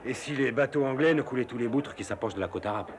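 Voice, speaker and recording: An actor playing an adventurous sea captain who is polite, brisk and quick-witted. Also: male voice, medium pitch, crowd noise, close to an everyday voice. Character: adventurous middle-aged male smuggler-captain.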